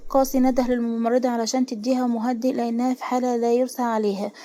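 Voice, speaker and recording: Woman, Egyptian accent, story narrator, narrow pitch, quick delivery. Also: level tone, dark tone. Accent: Egyptian Arabic. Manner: fast, emotional storytelling with voiced quotes.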